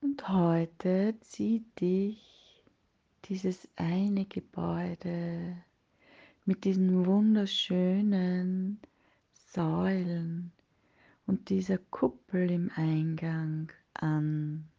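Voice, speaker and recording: Woman doing a guided meditation, soft breathy half whisper, soothing, lowish and really dark mellow tone, bit muffled recording. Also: steady tone. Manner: soothing, hushed, with long pauses.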